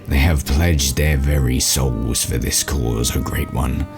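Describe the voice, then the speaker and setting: A smug occult warlord from a space cartoon. His voice is extremely low and gravelly, his delivery pompous and ceremonious. Music plays behind him. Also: steady tone, slow pace, full character voice. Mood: reverent. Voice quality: deep, gravelly. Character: Wrathchild, grandiose male alien occult warlord, obsequious and smug.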